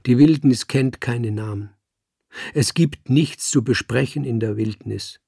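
A man reading the lines of a cold, withdrawn young woman in an audiobook, in a creaky, husky voice. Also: medium pitch, unhurried, warm tone, dry recording, clean studio sound.

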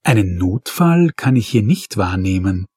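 A man's voice: on the low side, very animated, unhurried, mellow, breathy edge, no echo, full character voice. A man doing a cheeky, self-assured policewoman.

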